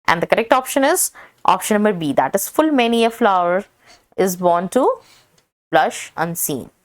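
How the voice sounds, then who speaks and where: A woman's voice: medium pitch, lively intonation, normal speed. A woman reading out exam practice questions as a teacher. She lists each set of options steadily and stresses the correct answer.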